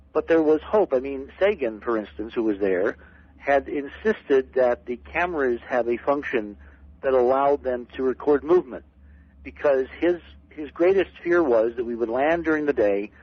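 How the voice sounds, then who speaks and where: A middle-aged man, a guest on a late-night radio show, telling stories excitedly and repeating words as he gets going. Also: mid-range voice, husky, no room sound. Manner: excited storyteller, repeats words when starting. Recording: dull lo-fi radio broadcast.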